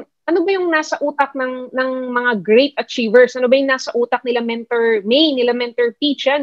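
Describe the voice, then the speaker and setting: A fairly high-voiced woman with a Filipino accent coaches an online group, mixing English into her speech. She repeats her key points and keeps asking her listeners questions. Her voice comes through a computer mic, close and dry, with a dull, muffled tone. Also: no room sound. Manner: repetitive, questioning the audience; mixes English into Tagalog. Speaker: network marketing mentor. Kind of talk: online motivational talk.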